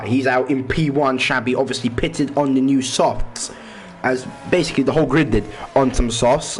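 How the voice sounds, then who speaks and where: A man's voice: medium pitch, a little hiss or hum. A man giving casual commentary on an online racing league, rambling, stumbling over names and words, with his voice cracking. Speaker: race commentator.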